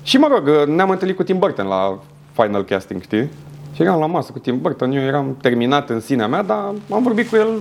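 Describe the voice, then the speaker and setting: A young man telling a story as a podcast guest, animated and acting out quoted dialogue in his anecdotes. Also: a little high, vocal fry, a little hiss or hum. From Romania. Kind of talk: casual storytelling.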